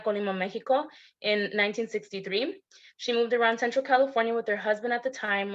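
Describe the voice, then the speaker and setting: A woman's voice: mid-range voice, a bit bright. Young woman presenting, dull lo-fi audio. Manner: reads summaries with small asides. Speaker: student presenter. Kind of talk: class presentation.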